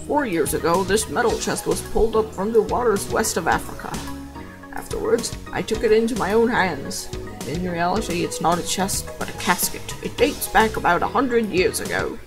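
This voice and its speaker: A woman's voice: mid-range voice, animated, normal speed, music in the background, lightly acted. Woman playing a dramatic old grandfather, amateurishly overacted. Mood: grave. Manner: amateurish, overdramatic bad acting. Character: dramatic, boastful old grandfather, grave storyteller. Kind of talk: amateur anime game voice-over.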